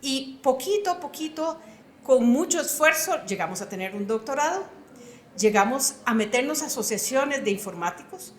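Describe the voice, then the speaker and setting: This Costa Rican woman in her sixties, a retired computing professor, speaks with a Costa Rican Spanish accent as she gives earnest, emphatic interview answers. Her pitch sits high and a bit bright. The recording sounds roomy, with a little hiss or hum.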